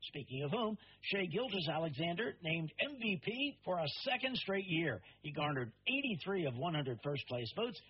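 Sportscaster taped off the radio. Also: male voice, a little high, big pitch swings, a little hiss or hum. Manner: brisk, punchy score-reading delivery. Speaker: sports newscaster. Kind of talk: radio sports news roundup. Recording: lo-fi radio recording.

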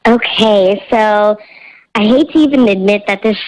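A woman calling in to a show, her voice run through a voice changer, telling a confession in a halting, hesitant way. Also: mid-range voice, a little mellow, low-quality recording. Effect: voice changer morphing her voice. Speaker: anonymous caller. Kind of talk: casual confession on a radio show.

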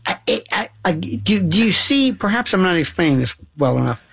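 A man hosting a casual talk-radio conversation, asking animated, probing questions and often restarting his sentences. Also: sits high, normal speed, gravelly, breathy edge, dry recording.

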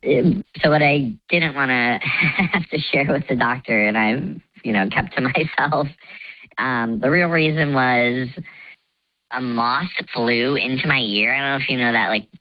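A man on a call telling a casual confession story, his voice disguised by a voice changer that pitches it far down, rambling and saying "like" often. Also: measured pace, dull audio. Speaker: anonymous caller.

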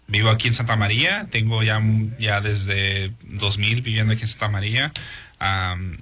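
A man's voice: fairly low pitch, a bit bright. A man born in Mexico, a police sergeant answering interview questions in a hesitant way with many fillers.

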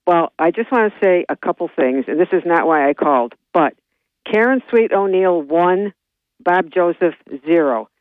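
A woman caller to a radio talk show, speaking over a landline phone, blunt and teasing, halting with fillers. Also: fairly low pitch, animated, no room sound. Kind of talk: call-in radio chat. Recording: tinny landline phone line, dry.

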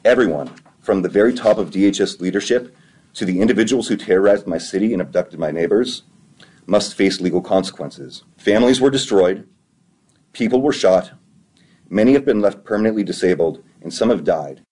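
A man delivers a prepared statement in a forceful, demanding way. His voice is very deep, with a husky edge. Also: a little fast. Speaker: interviewee making a statement.

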